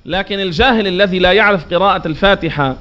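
Male preacher, high voice, emphatic and drawn-out delivery, muffled lo-fi recording. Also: sharp tone. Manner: emphatic, drawn-out demonstrations of pronunciation. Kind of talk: religious lecture. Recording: dull lo-fi recording.

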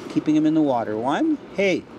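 A middle-aged fishing host narrates on location beside a mountain river, enthusiastic and explanatory. His voice sits a little high for a man. Steady outdoor water noise runs underneath. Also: a little fast.

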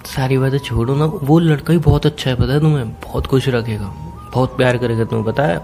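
A young adult man speaks pleadingly and insistently in an emotional private phone call, with music in the background of the recording. His medium-pitched voice is mellow and a little fast.

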